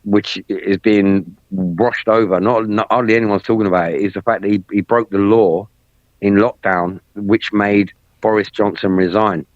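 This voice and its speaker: A man's voice: fairly low pitch, steady tone, moderate pace, dry recording. A man talking politics in a casual chat, blunt and full of swearing, often repeating himself. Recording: dry, dull lo-fi sound.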